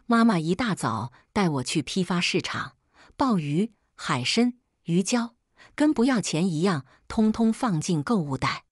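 A woman's voice: on the low side, husky, no echo, studio quality. A woman reading a first-person family story aloud in a wry, sardonic way. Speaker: narrator.

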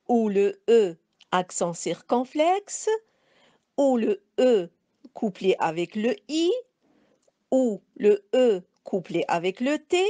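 A woman teacher with a Moroccan French accent giving a slow phonics lesson to young pupils, carefully articulating and repeating each sound. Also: on the high side, a little mellow. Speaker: primary school teacher.

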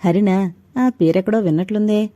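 A woman's voice: mid-range voice, moderate pace, warm tone, muffled recording, close to an everyday voice. A woman doing a frank, outspoken neighbor woman. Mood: amused. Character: educated woman neighbor, sharp-minded and outspoken.

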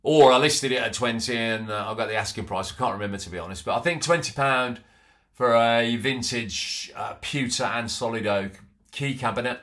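A middle-aged man sorts through an antiques haul on camera at a small home office desk, talking casually with plenty of ums and restarts. He resells antiques, and his medium-pitched, slightly bright voice keeps a moderate pace.

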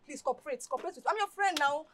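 Playful money-hungry young Nigerian woman, coaxing, high voice, Nollywood film drama. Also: expressive, fast, slight background noise. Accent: Nigerian English. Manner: coaxing, pleading, laughs loudly.

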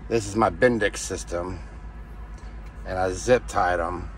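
Speaking low and steady at a slightly slow pace, this middle-aged man from the United States walks through a plain, casual how-to vlog. He records from a noisy truck cab with heavy vehicle ambience.

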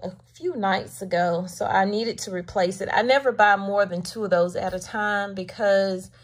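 A woman's voice: mid-range voice, fairly even intonation, moderate pace. Chatty woman talking to her viewers. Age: adult with a daughter. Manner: chatty, homey, addresses viewers as y'all. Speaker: vlogger showing a grocery haul. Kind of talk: casual chat. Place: home, indoors, off-camera.

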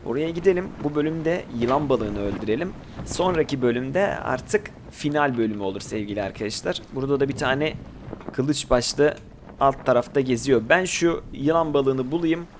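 A man's voice: mid-range voice, lively intonation, normal speed, a little hiss or hum. A man hosting casual gameplay commentary, chatting to his viewers and teasing the creatures in the game. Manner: chatty, talks to viewers and to the game creatures, swears when startled. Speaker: gaming video host.

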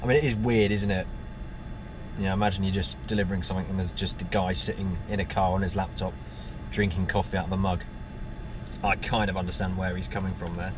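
A man's voice: low voice, level tone, fast. A young man chatting casually to camera from inside his car, rambling with many ums and restarts. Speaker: car vlogger. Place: inside a parked and moving car. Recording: distant mic with clear car noise.

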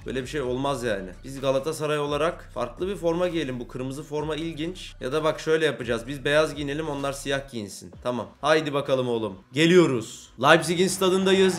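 A young man playing a football video game, switching between laid-back chat and loud excited play-by-play. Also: a little high. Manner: swings from calm chat to shouted play-by-play. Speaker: gaming YouTuber.

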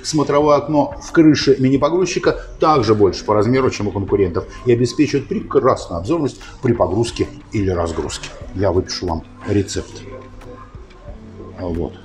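A man's voice: fairly low pitch, animated, normal speed, a little mellow, soft background music, lightly acted. An actor playing a folksy, fatherly chief doctor with old-fashioned, patronizing bedside patter in a comic ad sketch. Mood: reassuring, avuncular. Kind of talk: scripted comic advertising sketch.

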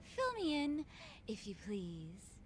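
A woman's voice: on the high side, wildly swooping pitch, soft background music, exaggerated voice. A tipsy, drawling party girl. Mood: tipsy, playful. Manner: drunk, slurred, drawn-out speech. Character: tipsy adult woman, playful and teasing. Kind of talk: English video game voice acting.

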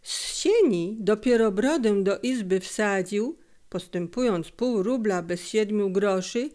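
A woman reads a classic short story aloud with slow, careful phrasing. Her voice sits at a middle pitch and stays measured throughout. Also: animated, a little mellow. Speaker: audiobook reader. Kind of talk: literary audiobook narration.

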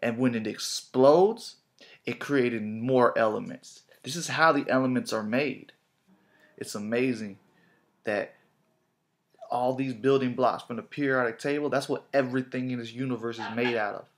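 A man's voice: mid-range voice, moderate pace. A man giving a casual motivational talk to camera, slangy and repetitive in his phrasing. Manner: casual, repeats himself, slangy. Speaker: vlogger.

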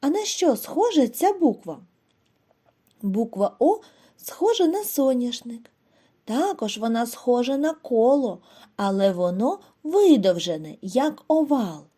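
A Ukrainian woman teacher giving a scripted lesson to young children, in a slow, clear, sing-song way. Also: a little high, big pitch swings, warm tone. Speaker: primary school teacher.

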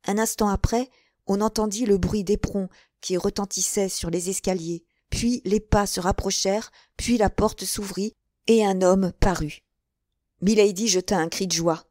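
A woman's voice: medium pitch, fairly even intonation, normal speed, warm tone, dry recording, clean studio sound. Woman narrating an audiobook. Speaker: audiobook reader. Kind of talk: scripted narration of a classic novel.

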